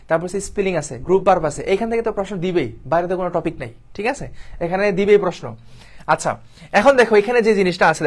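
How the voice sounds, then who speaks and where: A man with a Bangladeshi Bengali accent teaching an online exam-prep English lesson, repeating points and checking in with students often. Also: high voice. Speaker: admission test English teacher.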